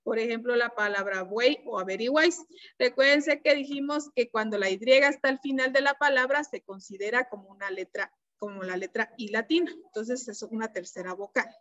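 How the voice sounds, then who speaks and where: A woman teacher giving an online class, explaining slowly and patiently and checking often that her students follow. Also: on the high side, a bit bright. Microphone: computer mic on a video call. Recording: dull, lo-fi video-call audio.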